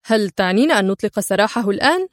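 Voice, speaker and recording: Casting: woman playing a doubtful male inspector, dry, higher pitch, close sound. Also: fast talker, no echo, lightly acted. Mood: wary. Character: weary male police inspector, skeptical.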